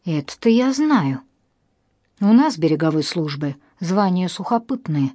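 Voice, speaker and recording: A woman's voice: on the low side, very animated, a little slow, dark tone, no room sound, studio quality. A woman reading the part of a stern, curt middle-aged male navy major in an audiobook. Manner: curt, official.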